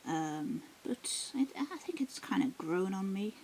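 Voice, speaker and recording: An art vlogger casually shows off her sketchbook in a medium-pitched voice at a measured pace, often dropping to a half-whisper. She rambles with many ums and restarts, and the rough recording carries steady background noise.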